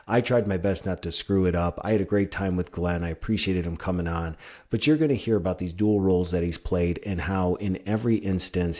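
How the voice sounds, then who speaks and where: A man's voice: low voice, darkish tone. A man in his thirties hosting a podcast interview, talking in a chatty, enthusiastic way with some fillers. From upstate New York. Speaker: podcast host.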